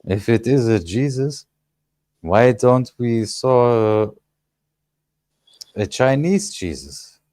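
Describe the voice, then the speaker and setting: A man, speaking English as an in a casual panel chat and often pausing to search for words. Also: medium pitch, big pitch swings, mellow, dry recording. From Germany. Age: 30s. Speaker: panel guest.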